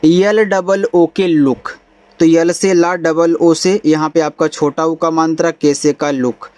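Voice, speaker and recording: A man's voice: a little high, level tone, takes it slowly, darkish tone. A man teaching English in a spoken lesson, explaining spelling and pronunciation patiently in a casual, friendly way. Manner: casual and friendly, says bhai and yaar.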